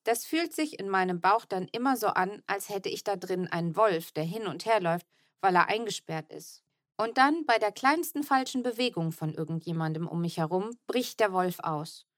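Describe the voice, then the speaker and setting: A woman narrating a children's audiobook in an expressive, lively storytelling manner. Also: mid-range voice, normal speed, no room sound, studio quality.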